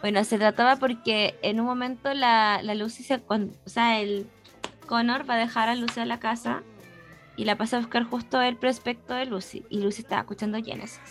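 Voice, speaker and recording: Slangy young Chilean woman, high voice. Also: steady tone, a little fast, fairly bright tone, soft background music. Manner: slangy, chatty, wanders off on tangents. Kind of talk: casual chat.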